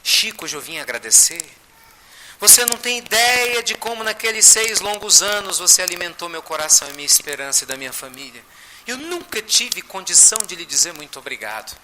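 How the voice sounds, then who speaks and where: A man's voice: high-pitched, animated, brisk, pushed and bright, heavily acted. A man voicing a radiant, grateful young female spirit who speaks heartfelt thanks. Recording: reverberant hall, faint noise.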